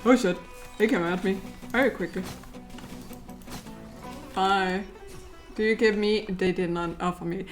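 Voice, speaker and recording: Young lady game streamer, casual deadpan jokes, faint music behind her. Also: mid-range voice, measured pace, pauses often. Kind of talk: casual chat over gameplay.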